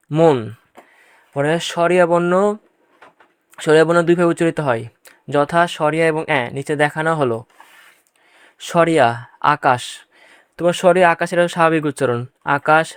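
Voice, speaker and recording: A man's voice: on the high side, clear, resonant tone, no echo, studio quality. A man teaching a pronunciation lesson to students, patiently repeating each example word and stressing the points that often come up in exams. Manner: addresses students directly, stresses what is important. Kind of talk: exam-prep lesson on Bangla pronunciation.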